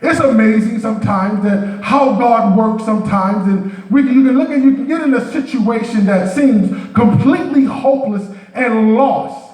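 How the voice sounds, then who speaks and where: A man preaching a sermon as a deacon, moving from calm teaching to shouted, half-sung cries and slowly stretched phrases. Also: extremely high pitch. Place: church sanctuary with congregation. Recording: echoey church from far off, with faint music and crowd.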